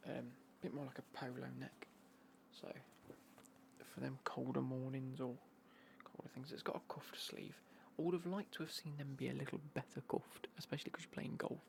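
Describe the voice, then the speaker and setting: Whispering British man with heavy creak. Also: level tone, normal speed, a little hiss or hum. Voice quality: breathy, hushed whisper with creaky low murmur. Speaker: ASMR vlogger showing golf clothing. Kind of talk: whispered ASMR unboxing, casual chat.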